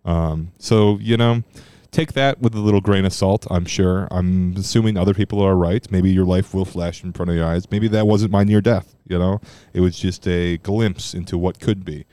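Brief: low, smooth-voiced man, loose rambling podcast talk, dry close mic at home. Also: moderate pace, dry recording. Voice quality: strong loud voice, at times monotone. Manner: rambling, loose and profane, many fillers. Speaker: podcast host. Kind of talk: casual solo podcast chat. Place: room at home.

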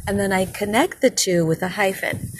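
A woman giving an explanatory language lesson as a teacher, speaking in a halting, think-aloud way and enunciating example phrases carefully and deliberately. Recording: loud background noise, vehicle-like rumble.

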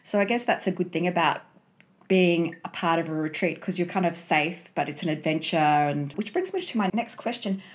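A woman hosts a podcast interview. Her voice sits a little low, and she talks in a friendly, chatty way and asks open questions. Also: moderate pace. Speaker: podcast host. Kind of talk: casual interview chat.

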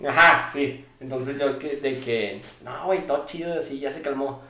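A young man with a Mexican accent, telling a story as a guest in casual podcast chat, animated and full of slang. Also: medium pitch, normal speed, reverberant. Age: young adult.

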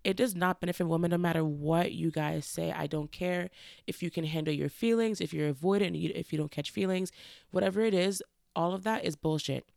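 Brief: woman podcast host, congested with a cold, frank and deliberate, some vocal fry, dry close sound. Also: lowish voice, darkish tone, no room sound. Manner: frank, earnest, slowed deliberate delivery. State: stuffy nose from a cold. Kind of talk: casual solo podcast monologue.

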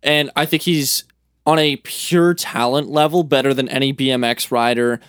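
Smooth-voiced young man, casual chat. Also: mid-range voice, fairly even intonation, normal speed, a bit bright, no echo, studio quality. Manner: filler-heavy, enthusiastic. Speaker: podcast co-host.

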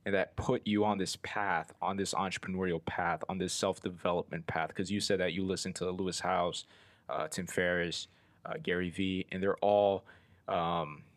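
A man's voice: low voice, little pitch movement, moderate pace, dry recording. A man in his twenties hosting a podcast in casual interview chat, loose and rambling with lots of filler words. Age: 20s. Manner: loose and rambling, heavy on "like" and "you know". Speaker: podcast host.

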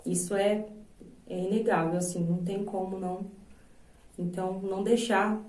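A woman's voice: mid-range voice, flat delivery, normal speed, darkish tone. Reflective Brazilian woman in a roomy space. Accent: Brazilian Portuguese. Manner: earnest and reflective, many filler tags. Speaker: singer and voice teacher, guest. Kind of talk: casual interview chat. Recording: roomy sound from a distant mic.

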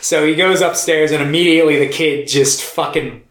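A man's voice: on the high side, fairly even intonation, fairly bright tone, roomy sound, slight background noise. Profane, laid-back male podcast co-host. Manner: loose, profane plot retelling, slipping into quick character voices. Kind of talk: casual chat.

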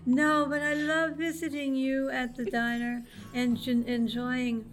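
A driven city businesswoman talks in a slow, dry, unimpressed way, as a woman improvises her. The voice is a little high with faint music behind. It feels like a homemade improvised musical. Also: little pitch movement. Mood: chummy. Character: ambitious New York businesswoman, Sabrina.

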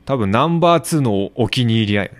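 A man's voice: mid-range voice, animated, quick pace. A man, co-hosting a casual podcast chat with dry, teasing replies. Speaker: podcast co-host.

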